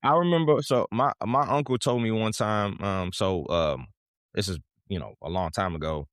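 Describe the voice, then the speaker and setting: A man co-hosting a podcast, talking things through in a measured, reflective way and telling stories from his own life. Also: lowish voice, smooth, no room sound, clean studio sound. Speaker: podcast co-host. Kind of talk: casual conversation.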